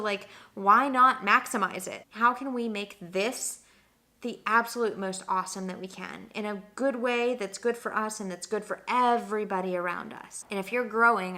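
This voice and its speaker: A woman's voice: medium pitch, bright, forceful tone. A young adult woman vlogging about personal growth, firing off emphatic rhetorical questions in a motivational tone. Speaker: wellness vlogger. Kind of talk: motivational vlog talk.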